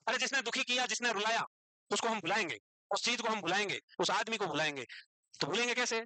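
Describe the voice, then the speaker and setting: A man lecturing students in an animated way, firing rhetorical questions at the class. His voice is high and very bright, and he talks at a brisk clip. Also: no room sound, rough recording. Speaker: teacher.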